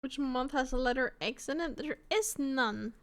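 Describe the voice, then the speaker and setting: A woman streamer chatting casually as she reacts to clips, giggly and excitable. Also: high voice, moderate pace. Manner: giggly and excitable, tells stories. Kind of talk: casual chat.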